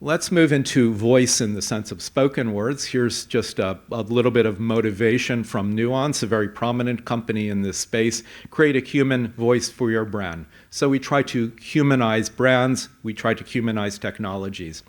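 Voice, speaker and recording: Man giving a conference talk. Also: medium pitch. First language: English. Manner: frequent fillers, measured explanatory delivery. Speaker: conference speaker. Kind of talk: conference presentation. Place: conference hall.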